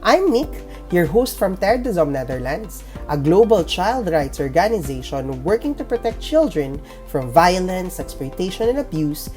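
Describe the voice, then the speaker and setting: Lively low-voiced woman podcast host. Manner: lively, welcoming questions. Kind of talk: moderating a group discussion.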